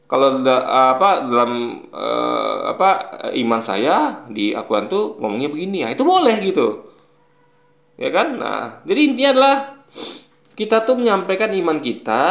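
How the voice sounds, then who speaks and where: A fairly high-voiced man talks his viewers through his argument in casual commentary. His voice swings widely in pitch and has a gravelly edge. The room around him is echoey. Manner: animated, explains with examples and repeats points. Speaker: commentator reacting to video clips.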